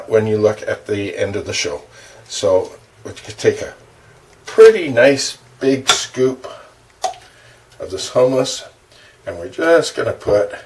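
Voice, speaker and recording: A man hosting a low-budget cooking show, talking through each step of a recipe in a relaxed, chatty way while he cooks in his kitchen. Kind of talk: casual cooking demonstration. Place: home kitchen. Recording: distant mic with kitchen noise.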